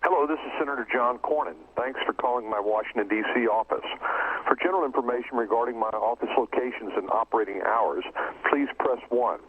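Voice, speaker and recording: A man reading a formal, measured phone-menu greeting, heard over a phone line. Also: medium pitch. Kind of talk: scripted phone menu message. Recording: tinny phone line with faint hiss.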